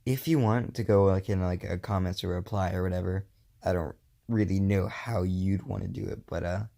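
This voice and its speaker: A man's voice: low-pitched, fairly even intonation, moderate pace, vocal fry, mellow. A young man hosting a casual solo podcast, rambling and correcting himself with lots of fillers. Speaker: podcast host.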